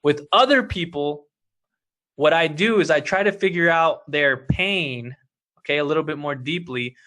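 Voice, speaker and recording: A man coaching his team in an emphatic, energetic way, often saying "look" and "okay". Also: on the high side, moderate pace. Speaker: team leader coaching members. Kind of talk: motivational sales coaching talk.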